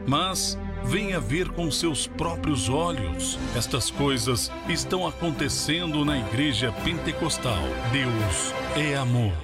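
Man doing slow solemn radio promo, music loud behind. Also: mid-range voice, expressive. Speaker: program announcer. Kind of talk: scripted radio announcement. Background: loud music bed.

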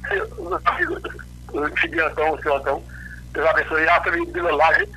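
A man's voice: a little high, wildly swooping pitch, brisk, gravelly, bright, forceful tone. A man from Northeast Brazil, calling in to a radio show over a crackly cordless phone line and rambling through greetings to his friends. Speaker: radio call-in listener. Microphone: telephone.

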